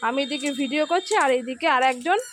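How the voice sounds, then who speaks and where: High-pitched woman vlogging over noisy background. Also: quick pace. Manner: repeatedly urging viewers to look, asking them questions. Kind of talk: casual home vlog, showing viewers around. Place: outdoors on a home rooftop garden. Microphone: handheld phone. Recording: handheld phone recording with clear background noise.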